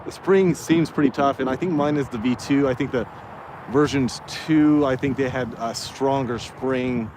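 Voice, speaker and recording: A man with a medium-pitched voice talks casually while flying a model plane. His delivery is hesitant and rambling, with trailing pauses. Clear wind and outdoor motor noise sit behind him. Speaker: radio-control plane vlogger. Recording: noisy windy outdoor recording with vehicle sound.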